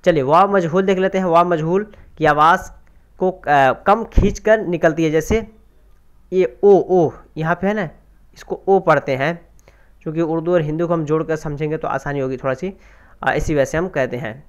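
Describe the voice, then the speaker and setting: An Urdu language teacher leads an exam-prep grammar lesson, explaining things step by step and posing questions he then answers himself. His voice is slightly high and smooth, at a normal speed.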